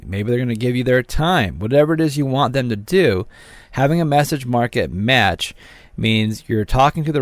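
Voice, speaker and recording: A man's voice: medium pitch, no room sound. A man hosting a promotional teleseminar, speaking straight to his listeners in a motivational sales patter. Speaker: seminar host and promoter.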